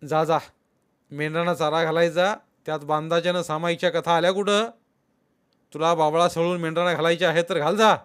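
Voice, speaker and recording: A man's voice: a little high, steady tone, a little fast, fairly bright tone, clear, resonant tone, voice pushed up, natural voice. Man voicing a curt, dismissive farm owner. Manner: curt and brushing off.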